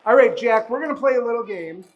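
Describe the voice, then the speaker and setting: A man with a very high-pitched, lively voice talks fast, heard through lo-fi audio with a little hiss or hum. He's a magician at a live show before an audience, joking with and encouraging a volunteer through chuckling stage banter.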